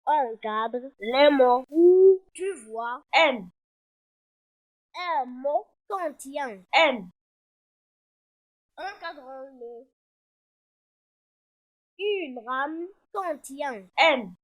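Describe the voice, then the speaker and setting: A woman giving a primary-school phonics lesson, with slow, clear, repeated instructions for children. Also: high-pitched, lively intonation. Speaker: teacher.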